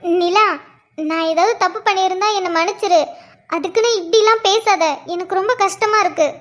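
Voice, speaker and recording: A woman's voice: very high-pitched, fairly even intonation, normal speed. A woman voicing a hurt older sister in a cartoon drama, pleading and wounded. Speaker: cartoon character voice.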